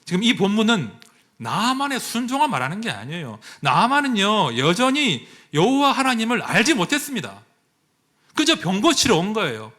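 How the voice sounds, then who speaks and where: A male pastor delivers an animated sermon, firing rhetorical questions at the congregation. His voice is high and his pace moderate.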